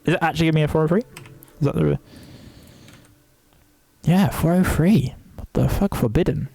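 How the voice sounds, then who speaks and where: A man's voice: fairly high pitch, moderate pace, gravelly, warm tone. A young man, streaming from his desk and chatting casually, swearing freely and interrupting himself. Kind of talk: casual livestream chat.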